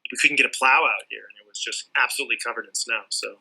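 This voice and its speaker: In a rough recording, a sculptor and art teacher from Southern California talks informally during an interview. His medium-pitched voice races along, gravelly and sharp with a breathy edge, as he rambles through many restarts and frequent uses of "like."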